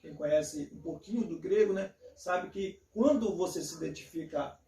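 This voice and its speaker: A pastor hosts the conversation, talking slowly and carefully and checking in with little tag questions. His voice is high yet dark, heard from some distance in a reverberant room. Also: gravelly. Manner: measured, hesitant, with frequent fillers. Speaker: pastor and host. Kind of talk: casual theological conversation. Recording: echoey room, distant from mic.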